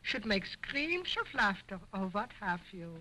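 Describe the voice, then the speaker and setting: An actor playing a cheeky wooden ventriloquist's dummy in a 1920s film, wisecracking with a squeaky sing-song puppet voice. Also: male voice, sing-song, unhurried, background noise. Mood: sassy. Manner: wisecracking and sassy.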